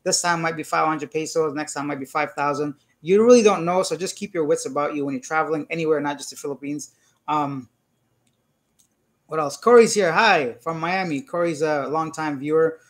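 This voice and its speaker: A man hosting a casual live Q&A, telling an animated story with lots of quoted back-and-forth and reading out viewer comments. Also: fairly high pitch, normal speed. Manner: reads out chat comments and greets viewers; gets worked up retelling a dispute. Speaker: livestream host answering viewer comments.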